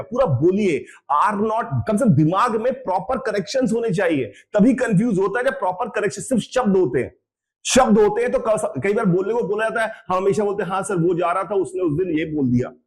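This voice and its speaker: A man's voice: high voice, lively intonation, moderate pace. A man teaching physics. He drills students with repeated questions and throws in blunt, scolding asides. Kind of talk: live online lecture.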